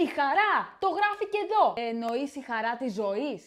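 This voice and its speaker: A woman's voice: high-pitched, big pitch swings. A woman playing a jealous partner who dramatically accuses her partner of cheating. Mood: accusing.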